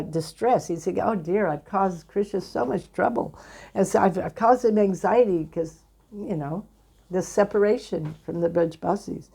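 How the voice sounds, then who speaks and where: A woman giving a devotional talk, teaching with earnest, gentle storytelling and quoted asides. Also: fairly low pitch. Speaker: spiritual teacher. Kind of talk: devotional discourse.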